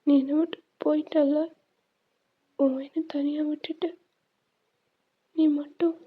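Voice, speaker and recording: Grieving young woman voiced by a woman, tearful and pleading, slow pace, tinny phone-like line. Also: high voice, level tone. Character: grieving young woman mourning her lover.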